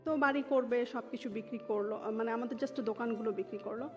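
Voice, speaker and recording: Speaking fast in a voice on the high side, this Dhaka-accented woman in her thirties recounts her personal history during an interview. She mixes English words into her Bengali. Music runs beneath the muffled, dull-sounding audio.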